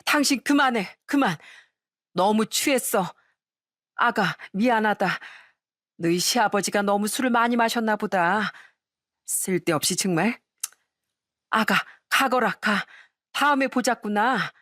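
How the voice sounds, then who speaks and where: A woman voicing an older mother-in-law who hurriedly hushes her husband and apologizes. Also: mid-range voice, measured pace, pauses often, no echo, clean studio sound. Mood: hushing.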